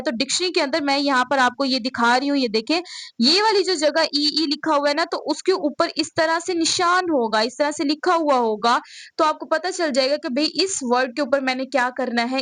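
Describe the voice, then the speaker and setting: Pakistani lady teacher, high voice, dry close sound, keeps asking and answering herself. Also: a bit bright, no room sound. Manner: repeats questions and answers them herself, calls students "beta". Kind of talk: recorded lecture explaining slides.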